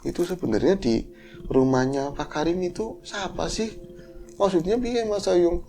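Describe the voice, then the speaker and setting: A man's voice: high voice, moderate pace, slight background noise. A man, telling a horror story in casual chat and acting out the voices in it. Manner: animated, acts out voices in his story. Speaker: horror podcast host.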